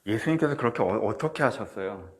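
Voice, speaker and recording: A man preaching a sermon as pastor of a church, animated, swinging from soft asides to loud cries. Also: on the low side, fast. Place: church or small studio, online service.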